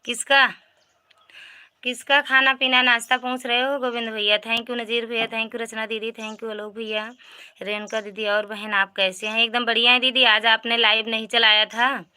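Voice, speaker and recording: A woman's voice: fairly high pitch, flat delivery, normal speed, sharp tone, clear, resonant tone. A woman with an Awadhi-tinged Hindi accent hosting a casual live stream from home, chatting with viewers and greeting each one by name. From Uttar Pradesh, India. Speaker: livestream host.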